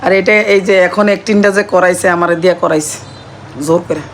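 Middle-aged woman, hoarse voice, scolding and nagging, faint noise behind. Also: lowish voice, fairly even intonation, a little fast. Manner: scolding and nagging in character, then chatty. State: hoarse from shouting. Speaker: mother-in-law. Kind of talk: playful staged family skit.

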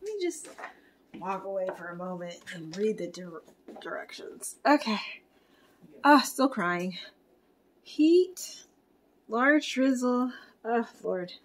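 Woman, home cook, casual vlog chat, slow pace, talks to herself, reads recipe aloud. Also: mid-range voice, big pitch swings, a little hiss or hum. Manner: chatty, talks to herself and viewers while cooking. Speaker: home cook reviewing a meal kit. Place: home kitchen.

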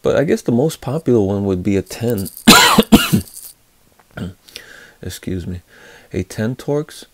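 A man's voice: on the low side, wildly swooping pitch, slow pace, long pauses, fairly bright tone, no room sound. A man casually reviewing a set of hand tools, speaking hesitantly with many fillers and restarts. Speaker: tool reviewer. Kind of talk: casual hands-on product review.

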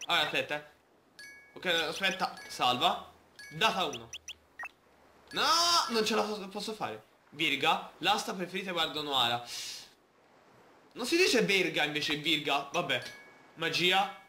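Man, Let's Play commentary, animated pitch, roomy home recording, playful, reads game text aloud. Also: measured pace, pauses often, slight background noise. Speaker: gamer.

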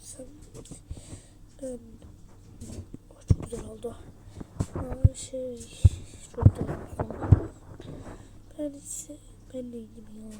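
A young woman playing a life-sim game with a friend, bickering and teasing, jumping from loud shouts to hushed whispers. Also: fairly high pitch, fairly even intonation, slow, pauses often, heavy background noise. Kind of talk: playful Toca Boca role-play with a friend.

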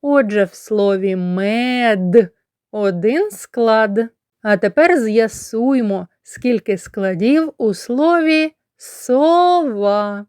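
Slow, clear-spoken woman teacher. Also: on the high side, lively intonation, darkish tone, dry recording, studio quality. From Ukraine. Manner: clear, deliberate articulation of sounds and syllables. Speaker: kindergarten teacher. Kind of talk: slow didactic lesson for children.

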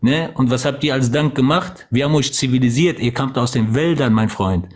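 A man debating religion in a heated online group call, combative and lecturing with rapid accusing questions. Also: mid-range voice.

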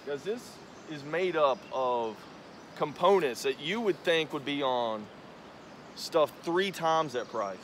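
A young man with a slightly high, lively voice hosts a fishing vlog from a riverbank, casually explaining his casting technique. He's filmed outdoors by a tripod camera at a distance, with slight background noise from the rushing current.

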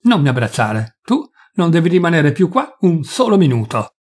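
A man's voice: a little high, very animated, moderate pace, breathy edge. A man voicing an elderly mother, imperious and indignant, her commands trembling with scorn and grief, in a literary audiobook reading.

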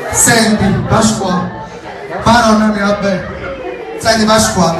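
A man with a Neapolitan accent hosting as a theatrical bingo caller, boisterous and teasing, often shouting, on a microphone in a hall. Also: high voice, steady tone, slow, recorded from a distance. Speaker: bingo caller and host of a live Neapolitan tombola show. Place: echoey library hall with seated audience. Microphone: handheld PA microphone, filmed from the audience. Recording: echoey amateur recording, music and crowd noise. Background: music and loud crowd.

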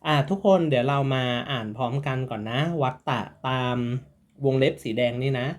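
A man's voice: mid-range voice, fairly even intonation. Casual male Japanese tutor drilling sounds. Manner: slow repeated drills, friendly and informal. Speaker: Japanese language teacher. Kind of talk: casual online language lesson.

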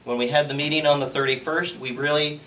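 Halting man speaking from a distance. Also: on the high side, steady tone, a bit bright. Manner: halting, careful, many repeated words. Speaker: school board member. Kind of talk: public meeting statement. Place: public meeting room. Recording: distant mic, faint noise.

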